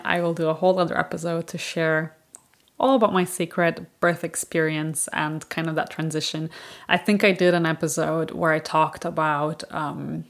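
A woman's voice: fairly low pitch, creaky. A woman from Ireland hosting a podcast, telling a personal story in a candid, chatty way with plenty of fillers. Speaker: podcast host.

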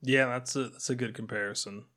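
A man co-hosting a motorcycle podcast in relaxed, casual chat. His voice sits at an ordinary middle pitch. He gets animated and acts out little quoted lines as he goes. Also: fairly quick. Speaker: podcast co-host.

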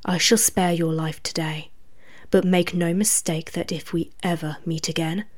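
A woman voicing a ruthless female rabbit demon commander who speaks coldly and drops into low, menacing whispers. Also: normal speed, clean tone, close to an everyday voice. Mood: whispered threat. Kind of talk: storybook reading.

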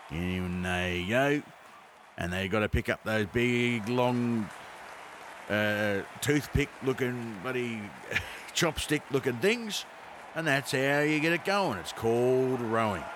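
A clueless rowing commentator with a broad Australian drawl, as a man puts him on. He stretches out his words, piles on slang and climbs higher in pitch as he gets excited. A faint background noise sits under the voice. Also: natural voice. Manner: drawn-out, rising excitement, slangy.

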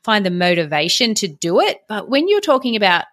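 A woman hosting a relaxed interview, warm and encouraging with her guest. Her voice sits at a medium pitch, and she talks with plenty of enthusiasm. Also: a little fast. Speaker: interview host. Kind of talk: casual interview.

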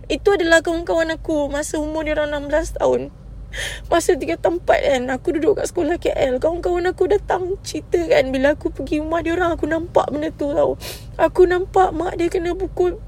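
A woman's voice: high voice, a little mellow, slight background noise. A Malaysian woman in her thirties hosting a podcast, speaking in a heated monologue that mixes Malay and English and calls the listener babe. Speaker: podcast host.

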